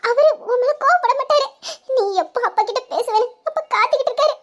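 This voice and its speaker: A woman's voice: extremely high pitch, quick pace. A woman voicing Nila, a tender young woman in a Tamil audio drama, pleading and coaxing through tears. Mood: coaxing tearful.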